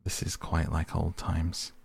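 A man's voice: very deep voice, completely flat delivery, a little slow, creaky, slightly rough, heavily acted. A man doing the eager, fretful Mole. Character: eager anxious small male mole.

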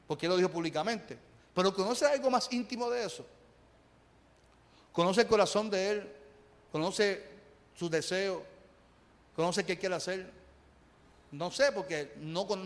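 A man's voice: sits high, normal speed, pauses often. A man in his thirties preaching a sermon, shifting from chatty storytelling to emphatic preaching. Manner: conversational storytelling with bursts of laughter, rising to emphatic preaching. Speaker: pastor. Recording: long hall reverb.

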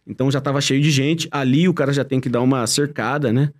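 A man's voice: medium pitch, steady tone, fast, darkish tone. A man, telling his marathon story in casual chat, with enthusiasm.

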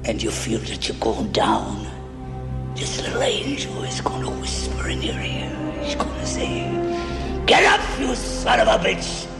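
A man doing a gravelly old boxing trainer. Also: high voice, huge pitch swings, unhurried, over loud music, voice pushed up, heavily acted. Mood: gruff. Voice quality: gravelly, rough. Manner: barking encouragement, dropping to a whisper. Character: gruff grizzled old male boxing trainer.

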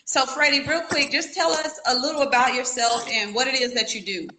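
A woman's voice: high-pitched, brisk, sharp tone. A woman hosting an interview over a video call who talks in an upbeat, encouraging way, and her call audio echoes. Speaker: interviewer, host. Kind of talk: casual interview.

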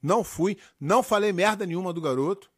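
A middle-aged man with a Brazilian accent, co-hosting a podcast, telling stories in a lively way, swearing freely and acting out the lines he quotes. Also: sits high, brisk, dry recording, clean studio sound. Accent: Brazilian Portuguese. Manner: animated storyteller, swears a lot, acts out quotes. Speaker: podcast co-host. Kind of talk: casual podcast banter.

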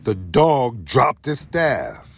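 A man narrating a folk tale, telling it in an expressive storybook style. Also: medium pitch, extremely slow, vocal fry, slightly rough, soft background music.

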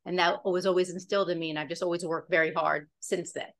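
A woman's voice: lowish voice, steady tone, fast talker. Confident upbeat woman guest from Pennsylvania. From Pennsylvania, USA. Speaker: guest, journalist. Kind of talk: casual podcast interview.

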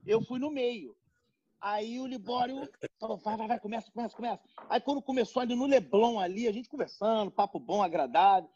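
A man's voice: high-pitched, fairly quick. A man telling a story to friends in casual chat, acting out the people in it. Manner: animated, acts out voices in quotes. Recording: dull lo-fi sound.

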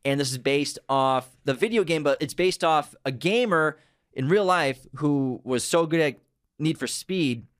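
A podcast co-host with a fairly high, animated voice speaks at a measured pace, smooth and clean in a dry studio recording. In casual movie news chat, he playfully lists upcoming video game adaptations and corrects himself with good humor.

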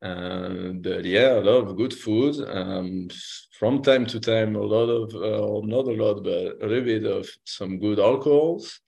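A man with a French Basque accent speaks as an interview guest in a very creaky voice. His pace is markedly slow, and he often pauses to search for words. The tone is casual conversation, pitched a little low. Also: a little mellow. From French Basque Country. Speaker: podcast guest.

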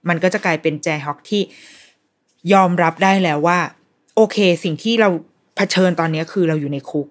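A woman hosting a podcast, chatting casually as she reviews a TV series, retelling scenes in an animated, restarting way. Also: on the low side, a little fast.

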